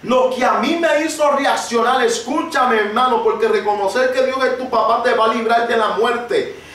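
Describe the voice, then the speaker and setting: Fervent high-voiced preacher in an echoey hall. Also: male voice, moderate pace. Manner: impassioned, emphatic, building to shouted peaks. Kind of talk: sermon with personal testimony. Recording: very echoey room, voice far from the mic.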